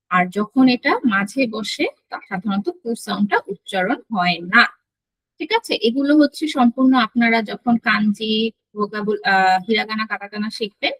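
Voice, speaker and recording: A woman teaching an online language lesson, explaining slowly and often checking understanding with a rising question. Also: on the high side, a bit bright, dry recording, poor audio.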